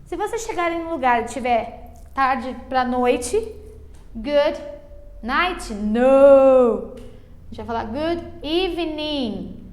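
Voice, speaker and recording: A Brazilian woman with a high, bright voice and a Brazilian Portuguese accent teaches English to beginners. She stretches out her explanations and keeps checking in with her students. Her tone stays patient and teacherly throughout. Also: animated. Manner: patient, drawn-out explanations full of diminutives and check-ins like "ok?". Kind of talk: online English lesson for beginners.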